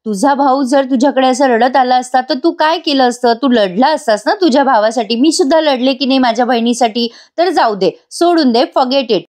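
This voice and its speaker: A woman's voice: high voice, moderate pace, few pauses, a little mellow, close to an everyday voice. A woman voicing an earnest young woman who coaxes and apologises in a serial recap. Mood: pleading. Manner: coaxing, earnest.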